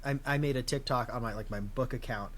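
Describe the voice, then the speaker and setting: A man's voice: mid-range voice, fast talker, a bit bright. A man in his thirties from the United States, co-hosting a casual gaming podcast with dry, self-deprecating humor. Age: 30s. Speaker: podcast co-host. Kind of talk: casual chat. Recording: faint background noise.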